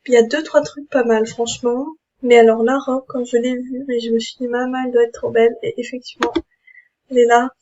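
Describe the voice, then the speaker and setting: A woman's voice: on the high side, dark tone, muffled recording. A young woman chatting casually with many fillers and restarts as she shows off her game account. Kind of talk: casual gameplay commentary.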